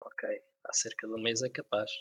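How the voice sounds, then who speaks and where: A man's voice: lowish voice, little pitch movement, a little fast, slightly rough. A man with a European Portuguese accent chatting casually on a podcast, explaining things in an informal way. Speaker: podcast co-host.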